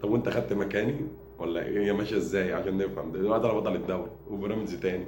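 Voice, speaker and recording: A man with an Egyptian accent, ranting to camera as a football fan and mocking rival supporters. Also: low voice. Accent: Egyptian Arabic. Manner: taunting, mocking rival fans; rapid, repetitive, animated delivery. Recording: echoey room with background noise.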